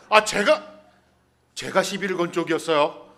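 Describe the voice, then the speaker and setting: A pastor with a slightly high, sharp-toned voice takes his time through a joking, colloquial storytelling sermon at a church in Hanoi. He brings the stories to life by acting out the dialogue in character voices.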